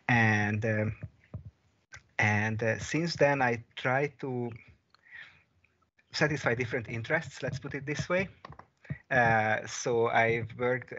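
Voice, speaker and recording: A man in his forties from Hungary, speaking as a guest over a headset video call and pausing often with fillers. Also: lowish voice, bright, forceful tone. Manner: thoughtful, many fillers and restarts. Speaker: guest, peace researcher and consultant. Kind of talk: casual video call interview. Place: small room at home, indoors. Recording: slightly dull video call audio.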